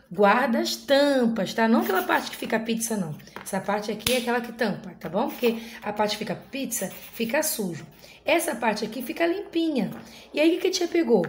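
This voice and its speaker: A woman's voice: on the high side, slight background noise. A woman teacher, leading a video lesson for young children in a sing-song, coaxing way. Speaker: inclusion teacher of first graders.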